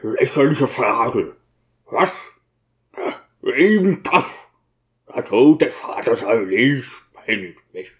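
A man reads aloud as a stubborn deacon sunk in grief. He grumbles in a sulky, weary tone, slow and unhurried in his delivery. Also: medium pitch, big pitch swings. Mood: grumbling. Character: grieving, brooding male deacon, stubborn.

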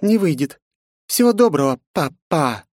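A man's voice: a little high, animated, a little fast, darkish tone, dry recording, clean studio sound, voice pushed up. A man voicing a defiant, sarcastic eighteen-year-old princess in an audiobook, with cheeky, mocking retorts. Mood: scornful.

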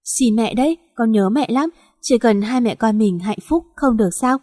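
A heartbroken young woman in despair, as a woman reads her in a storybook, tearful and pleading. The tone is mellow and dark. A long hall reverb hangs behind the voice. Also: a little high, moderate pace, clean studio sound, close to an everyday voice. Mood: grieving.

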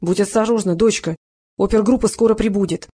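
A woman narrator voices a middle-aged police chief who talks to his daughter in a brisk, businesslike way. The tone is plain and close to the reader's own. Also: mid-range voice, warm tone, breathy edge, no echo, close to an everyday voice. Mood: calm.

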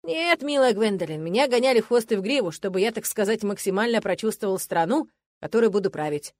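A woman reading the part of a young male prince who answers in a calm, dry, joking way. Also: mid-range voice, fast talker, no room sound, natural voice. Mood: teasing. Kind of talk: audiobook character reading.

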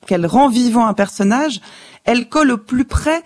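A woman hosting a radio interview, asking measured, articulate questions. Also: fairly high pitch, animated, darkish tone. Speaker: radio host. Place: radio studio.

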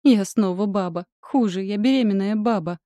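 A rattled, foul-mouthed husband squeals and grumbles in an audiobook, as a woman reader puts him on. He sounds shrill and panicky, a little higher than the reader's own voice. The voice sits close and dry. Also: expressive, normal speed, dark tone, no room sound, lightly acted. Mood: panicked. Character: panicky foul-mouthed husband, a man in his wife's pregnant body.

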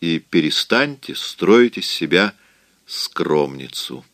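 A man voicing a cold, worldly man in an audiobook, speaking in a cool, quiet, cutting way. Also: sits low, lively intonation, slow, no echo, heavily acted.

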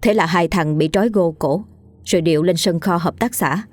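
A woman's voice: lowish voice, moderate pace, darkish tone, dry recording. Woman reading a folk story. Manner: vivid, colloquial storytelling. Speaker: narrator. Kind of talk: scripted horror story reading.

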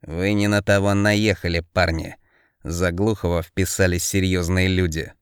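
A man voicing a dangerous, unpredictable convict who delivers threats slowly and quietly. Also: sits low, flat delivery, clear, resonant tone, no room sound, clean studio sound. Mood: menacing. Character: sinister convict enforcer, menacing calm man.

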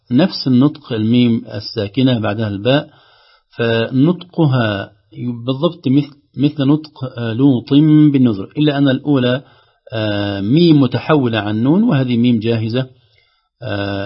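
A man teaching the rules of Quran recitation, speaking slowly and repeating words to show how they are pronounced. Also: medium pitch, husky, muffled recording. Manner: slow, deliberate, repeats words to demonstrate pronunciation.

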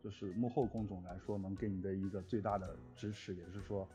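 A man who composes for audio dramas reflects in a casual, earnest interview, briskly but with somewhat hesitant phrasing. He has a low, warm voice with fairly even intonation, and the lo-fi recording sounds dull, with background music.

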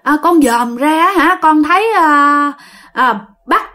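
A woman's voice: high voice, lively intonation, slow pace, bright, forceful tone, voice pushed up, full character voice. A woman with a Southern Vietnamese accent voicing a frail, sick village man who eagerly tells of his outing with dead relatives. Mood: excited. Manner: eager, breathless retelling with "hả" fillers.

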